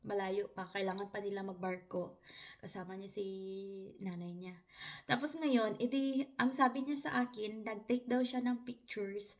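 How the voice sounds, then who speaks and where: A woman's voice: mid-range voice, fairly even intonation, moderate pace. A woman with a Filipino accent telling a personal story to her viewers in a casual, chatty vlog, often breaking into laughter. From Philippines. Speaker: vlogger.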